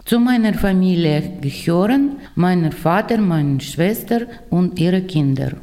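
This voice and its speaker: Ukrainian woman in her 50s reading about herself, slow, a bit low, echoey room. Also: a little mellow. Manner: careful, plain learner's reading. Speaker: language course participant. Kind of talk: reading a short self-introduction.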